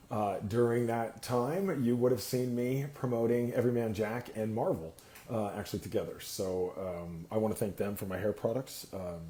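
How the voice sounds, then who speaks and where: A man's voice: lowish voice, a little mellow, roomy sound. A man from California hosting a casual live talk show, rambling and filling time with many "uh"s while he waits for guests. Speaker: host. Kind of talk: casual livestream chat. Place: indoor room, seated on a sliding chair.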